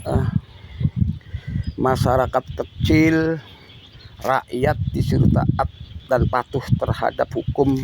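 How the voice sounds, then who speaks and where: A man's voice: mid-range voice, creaky, a little mellow, slight background noise. A grieving middle-aged father making an impassioned, pleading public appeal to the authorities, repeating himself and addressing them respectfully over and over. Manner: pleading, repetitive, ends phrases with "Pak".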